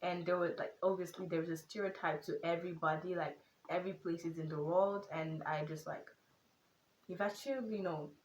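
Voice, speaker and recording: Talking to the camera for a casual vlog, this teen content creator has a Nigerian accent flecked with British and American influences. Her rather low voice moves a bit fast, full of sincere, animated stress. Around her, the room echoes and some light background noise comes through.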